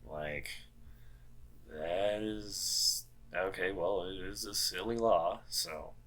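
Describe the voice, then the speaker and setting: Slow, deep-voiced man mulling odd laws. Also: fairly bright tone, rough recording. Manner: wry, puzzled, with many fillers and rereads. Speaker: host. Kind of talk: casual commentary reading out laws.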